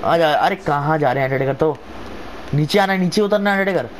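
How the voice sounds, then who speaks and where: A man giving excited, chatty play-by-play of a wrestling video game like an informal commentator, often repeating his phrases. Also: on the high side, fairly quick, crowd noise. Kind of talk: excited casual gameplay commentary.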